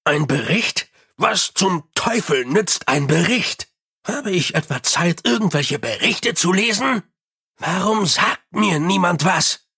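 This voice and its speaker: A man doing a gruff, short-tempered watch commander. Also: sits high, expressive, slow pace, sharp tone, voice pushed up, exaggerated voice. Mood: angry. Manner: brusque, exasperated.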